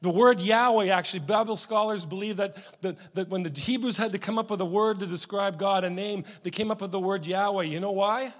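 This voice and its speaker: A pastor preaching with a high, light voice that rings out through a long reverb, as in a church hall. He swings between soft, intimate stretches and loud, emphatic bursts. The delivery is animated and direct. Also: brisk, hardly any pauses. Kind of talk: sermon.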